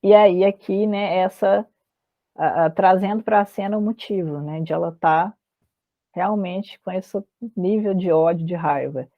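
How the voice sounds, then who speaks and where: Lady teaching lit on a call, lowish gravelly voice, sounds like a phone line. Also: dry recording. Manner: frequent filler "né", halting restarts. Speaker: literature teacher. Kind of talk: online literature lecture, reading passages aloud. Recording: dry, tinny phone-like audio.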